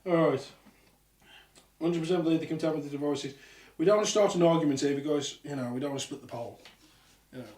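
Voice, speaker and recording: A man hosting a live ghost hunt at night, telling an animated, sweary story in casual talk. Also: fairly high pitch, fast talker, pauses often, distant mic. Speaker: paranormal show host. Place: old house at night. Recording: echoey room, off-mic.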